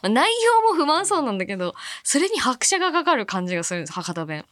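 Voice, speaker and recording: Radio host, woman, from Fukuoka: chatty and reflective, a little high-voiced, dry close-mic sound. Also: sing-song, quick pace, no room sound. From Fukuoka, Japan. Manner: chatty, musing, soft-spoken asides. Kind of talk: casual radio talk, reading listener mail.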